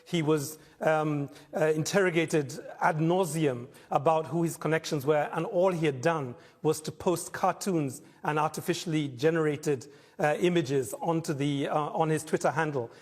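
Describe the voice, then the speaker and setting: Man from Kenya, measured rights advocate, higher voice, reverberant remote link. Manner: measured, with many fillers. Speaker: human rights panelist. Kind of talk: panel discussion.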